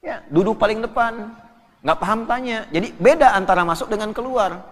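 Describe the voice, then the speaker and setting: An Indonesian man giving a lively, joking sermon to an audience, quoting Arabic scripture. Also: sits high, brisk, long reverb tail. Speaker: preacher.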